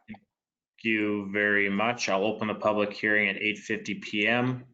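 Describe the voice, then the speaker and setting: A man chairing a municipal council meeting in a flat, monotone way, reading items and calling votes. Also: on the low side, normal speed, lo-fi sound. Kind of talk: formal meeting procedure.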